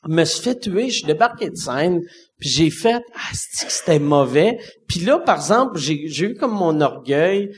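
Animated Québécois man telling stories. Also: moderate pace. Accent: Québécois French. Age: 40s. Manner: animated, swears casually, drops low for punchlines. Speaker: stand-up comedian. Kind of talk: casual anecdote telling.

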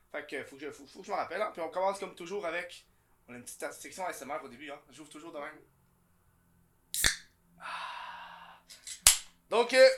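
A man's voice: high-pitched, pushed and bright. A man with a Québécois French accent hosting a podcast, talking loosely and joking with slang. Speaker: podcast host. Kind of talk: casual podcast chat.

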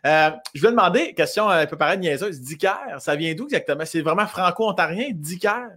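A man's voice: high voice, animated, fairly quick, pushed and bright. A man, hosting a casual interview in a chatty, friendly way and laughing often. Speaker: interview host.

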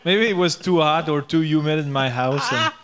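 A French-speaking man with a Quebec French accent, joking casually and searching for words in halting English. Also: a little high, animated, a bit bright.

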